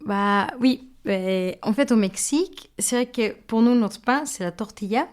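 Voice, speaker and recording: A woman's voice: on the high side, a little slow, smooth. A woman, a guest baker talking casually in an interview, often searching for words and restarting. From Mexico. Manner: searching for words, many small fillers and restarts.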